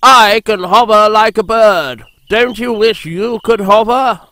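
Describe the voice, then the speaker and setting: A man's voice: high voice, a little slow, pushed and bright, dry recording, voice pushed up. A man voicing a conceited, boastful helicopter in a storybook reading, snooty and drawling. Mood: proud.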